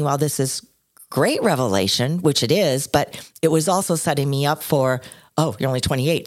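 A woman in her sixties, co-hosting a podcast and telling personal stories with lively swings in her voice. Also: dry recording, clean studio sound. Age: 60s. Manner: expressive storyteller, swings between low and high pitch. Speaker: podcast co-host. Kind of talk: casual chat.

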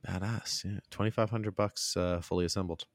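A man's voice: low voice, fairly even intonation, dry recording. A man chatting casually on a podcast, reacting with short comments and playful jokes. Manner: quick joking reactions, playful. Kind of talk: casual chat.

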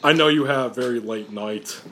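A man's voice: mid-range voice, normal speed, sharp tone, a little hiss or hum. A young American man hosting a podcast as a casual, informal interview, calling his guest bro and man. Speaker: podcast host.

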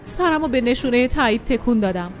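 High-voiced woman narrating an adventure story. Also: animated. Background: faint music.

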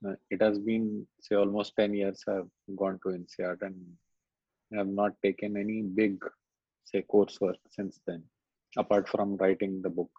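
A man with a North Indian accent talks conversationally about his own life in a halting, hesitant way. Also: lowish voice, level tone, breathy edge. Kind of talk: conversational coaching discussion. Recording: dull, roomy, lo-fi recording.

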